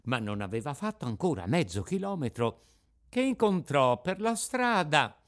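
A man narrating a children's story audiobook in an expressive, varied reading. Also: a little high, normal speed.

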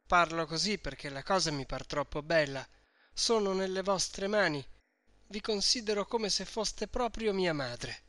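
A man's voice: high-pitched, lively intonation, unhurried, bright, forceful tone, dry recording, exaggerated voice. A man voicing an earnest young lover, pleading.

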